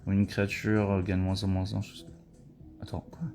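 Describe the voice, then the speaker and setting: A man chatting casually during a live booster opening, excitable and swearing when he pulls a good card. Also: low voice, normal speed, slight background noise.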